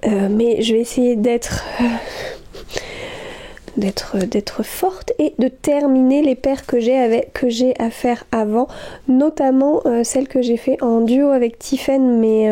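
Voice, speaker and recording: A woman's voice: fairly high pitch, dark tone. A woman vlogging from home about her knitting, chatting casually with lots of hesitations and gushing remarks. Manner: hesitant, many fillers and restarts, gushing. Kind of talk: casual chat.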